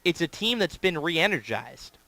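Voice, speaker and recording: A man's voice: on the high side, very animated, a little slow, creaky, sharp tone, dry recording. A man doing live baseball play-by-play commentary as the announcer, in clipped phrases, stretching words on big plays.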